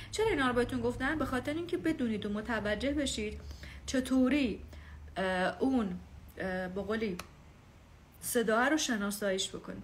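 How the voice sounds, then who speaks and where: A woman's voice: a little high, slight background noise. A woman giving a live spiritual lesson on self-knowledge, speaking earnestly and conversationally, acting out inner voices and everyday exchanges.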